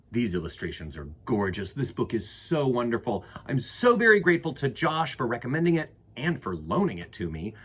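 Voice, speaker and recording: A man with a husky, mid-range voice and a fairly bright tone hosts children's story time. He reads and chats expressively and enthusiastically, talking directly to the kids.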